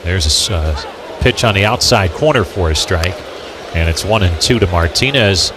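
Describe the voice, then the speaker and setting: An American man does radio play-by-play for a baseball game, his low voice carrying lively intonation at a moderate pace. Outdoor ballpark noise is clearly audible behind this live sports commentary.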